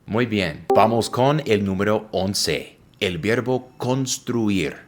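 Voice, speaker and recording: Brief: young American man, very low voice, unhurried English lesson for learners, spells words out. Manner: spells words letter by letter and repeats examples slowly. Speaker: English teacher. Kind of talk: slow, clear language lesson.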